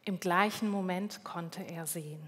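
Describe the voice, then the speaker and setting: A woman giving a sermon in a calm, measured way, now and then correcting herself. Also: fairly low pitch, long reverb tail. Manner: calm, measured, with small slips and self-corrections. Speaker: preacher.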